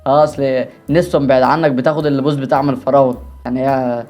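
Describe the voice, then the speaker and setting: A man's voice: medium pitch, flat delivery, racing, very noisy. A man with an Egyptian accent hosting a reaction video, teasing and joking in casual commentary. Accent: Egyptian Arabic.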